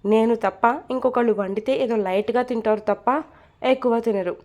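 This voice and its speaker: A woman's voice: on the high side, steady tone, fairly quick, warm tone, lightly acted. A woman reading a storybook, voicing a fond, chatty middle-aged mother-in-law who scolds lightly. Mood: homely.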